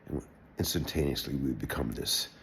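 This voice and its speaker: An older man telling a wry personal anecdote in a relaxed, halting way, with wry understatement. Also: rumbling low, creaky, a little hiss or hum. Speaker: storyteller. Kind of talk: personal anecdote told aloud.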